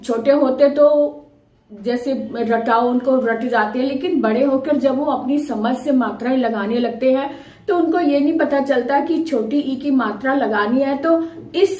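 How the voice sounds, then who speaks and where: Woman teacher, high-pitched, patient and repetitive, drawing out sounds for kids; echoey room. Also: darkish tone. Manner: patient, repeats and stretches sounds to demonstrate. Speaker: Hindi teacher. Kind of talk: explanatory lesson for children.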